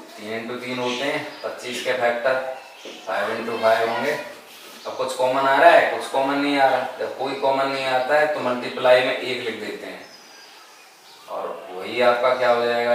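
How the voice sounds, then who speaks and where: A man teaches a board lesson, chanting multiplication tables and asking questions that he answers himself. The room echoes heavily and the mic sits far away. Steady background noise runs under his voice. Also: mid-range voice. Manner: asks the class questions and answers them himself; recites multiplication tables aloud. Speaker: math teacher.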